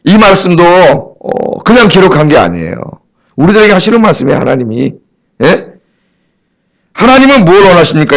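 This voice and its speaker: A middle-aged male pastor preaching a sermon, telling stories in an animated way that swings from loud emphasis to hushed asides. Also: sits high.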